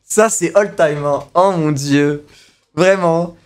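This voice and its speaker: A young man streaming live and reacting to a video. He talks excitedly, with lots of slang and repeated exclamations. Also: on the high side, slow.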